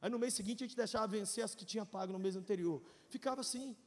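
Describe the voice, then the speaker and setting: A Brazilian pastor in his forties, very high-pitched and fast-talking, preaches a testimony sermon with a long hall reverb around his voice. His emotional storytelling swings from shouted peaks to hushed, confiding asides, with jokes mixed in.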